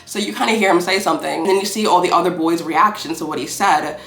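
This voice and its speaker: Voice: medium pitch, quick pace, fairly bright tone, echoey room. A film reviewer talking casually about a movie, rambling, cursing and playfully petty.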